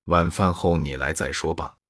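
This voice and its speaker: A sharp young noblewoman who gives orders briskly and teases with authority, read by a man in a low, husky voice. The sound is close and dry. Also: fairly even intonation, dry recording. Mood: teasing, commanding.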